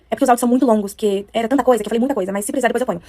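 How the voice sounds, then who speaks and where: A woman's voice: a little high, mellow, no echo. A woman in her thirties with a Brazilian Portuguese accent, venting to her followers from home in an upset, repetitive way. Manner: upset, rapid, repeats herself for emphasis. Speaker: influencer talking to followers. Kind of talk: casual venting to camera. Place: at home, indoors.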